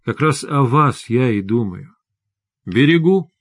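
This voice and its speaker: A man reading an audiobook who voices a tired, troubled husband, speaking softly and calmly. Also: takes it slowly, no room sound, studio quality. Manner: soft, calm and low. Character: weary, troubled husband and magic hunter. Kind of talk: audiobook character voice.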